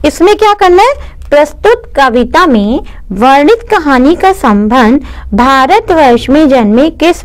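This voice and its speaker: A young woman teaching a class of young children, explaining patiently and often asking and answering her own questions, with English words mixed into her talk. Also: sits high. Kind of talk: online class lesson for children.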